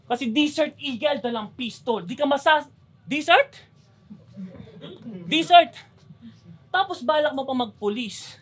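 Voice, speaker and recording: A man's voice: extremely high pitch, moderate pace, few pauses, husky. A young man performing a battle rap verse, taunting his opponent with punchy, mocking delivery. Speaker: battle rapper.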